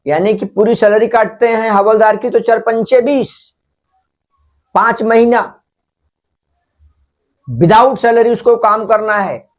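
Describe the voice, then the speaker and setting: A man's voice: high voice, steady tone, takes it slowly, long pauses. Man scolding in rhetorical commentary. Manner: scolding, rhetorical, repeats phrases for emphasis. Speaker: channel host. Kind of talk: spoken opinion commentary.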